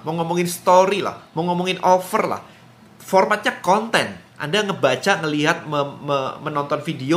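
Bright-voiced man teaching business. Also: fairly high pitch. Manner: chatty, explains with quick everyday examples and acted-out customer quotes. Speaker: business coach. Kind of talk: casual spoken lesson on digital business.

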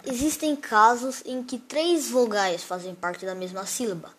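A woman presenting a grammar lesson, reading definitions aloud and slowly listing example words one by one. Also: on the high side, a little hiss or hum. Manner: reads definitions and word lists slowly, one example at a time.

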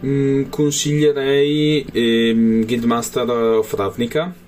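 A man answers interview questions casually as a tabletop role-playing player and game master, hesitating while he searches for words. His mid-range voice is steady, slow and a little mellow.

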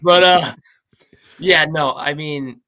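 A man's voice: a little high, slow pace, pushed and bright. A man co-hosting a casual college football podcast, talking loosely, laughing often and swearing casually. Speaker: podcast co-host. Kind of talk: casual sports chat.

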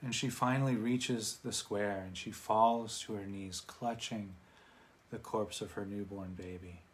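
Low-voiced man telling a teaching story. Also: unhurried, slight background noise. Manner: conversational, relaxed asides. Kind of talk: storytelling in a dharma talk.

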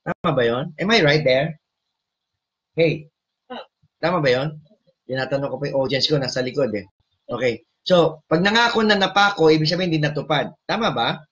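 A Filipino man preaching and leading prayer, switching between Tagalog and English and often asking his listeners questions in a loud, emphatic voice. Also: a little high, animated, normal speed, pauses often, husky, lo-fi sound. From Philippines. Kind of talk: sermon and prayer.

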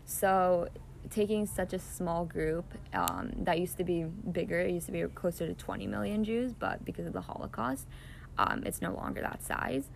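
A young woman with a lower, gravelly voice answers questions earnestly, leaning on fillers as she thinks. She is recorded on a phone outdoors in a backyard. Clear hiss runs under her voice. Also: moderate pace. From Israel, raised in the US. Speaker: interviewee. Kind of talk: casual interview answers.

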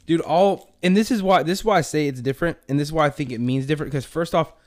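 A man's voice: fairly high pitch, quick pace, darkish tone. A young man hosting a casual faith chat, rambling and saying "dude" a lot. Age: young adult. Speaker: podcast host.

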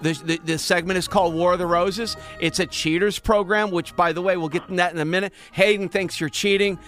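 A male radio host running a call-in segment, brisk and wry, taking charge of the callers. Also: sits high, fairly even intonation, a bit bright, soft background music.

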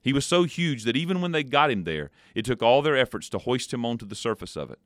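A man hosting a devotional program, reading a story aloud in a measured, expressive way and then adding a short spiritual reflection. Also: mid-range voice, dry recording, studio quality. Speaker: devotional podcast host.

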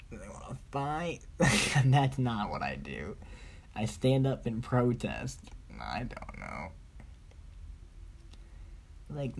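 A man's voice: medium pitch, darkish tone. A man vlogging in a rambling, boastful, profane monologue with broken grammar. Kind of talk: rambling casual monologue to camera.

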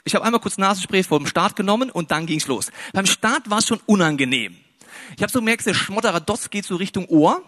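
A man's voice: sits high, expressive, brisk, a bit bright. A man, a pastor, preaching a sermon and telling a funny personal story, acting out the dialogue with raised voices.

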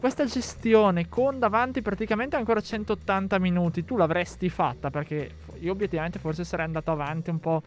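A man's voice: sits high, fairly quick, few pauses, faint music behind. A man hosting a casual football discussion, talking conversationally and leading with questions to his co-panelists. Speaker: host of a football talk show.

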